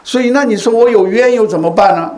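A man delivers a sermon to his congregation, his voice sitting a little high. He circles back over his phrases and keeps asking rhetorical questions as he goes. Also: fast, darkish tone. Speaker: preacher.

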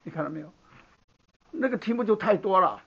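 A man's voice: high voice, animated, fairly quick, vocal fry, fairly bright tone, slightly rough. A man preaching a Bible sermon, teaching conversationally and often checking in with the listeners. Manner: conversational teaching, asks the room "好不好". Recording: dull lo-fi recording.

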